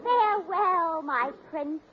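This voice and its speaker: A woman's voice: very high voice, slow, lo-fi sound. A swooning, man-hungry girl. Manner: gushing, swooning. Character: starry-eyed man-hungry young woman. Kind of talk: 1940s radio comedy acting. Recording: old radio broadcast with audience.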